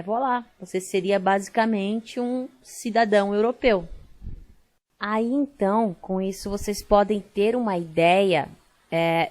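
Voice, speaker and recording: A young Brazilian woman teaching a class online. She is chatty and explains things step by step with plenty of fillers. Her voice sits at a middle pitch. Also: darkish tone.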